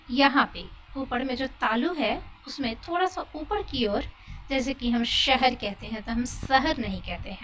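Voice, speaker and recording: A woman with a high voice teaches a lesson at an unhurried pace. She explains patiently and demonstrates each sound carefully, repeating it. Her voice sounds a little distant from the microphone. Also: fairly bright tone. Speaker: Hindi teacher.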